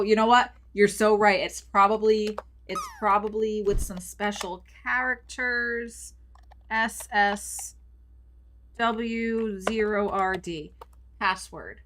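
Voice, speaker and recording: Bright, chatty woman streamer. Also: mid-range voice. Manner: chatty, playful, talks to viewers and reads chat aloud. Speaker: game streamer. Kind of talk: casual live-stream commentary.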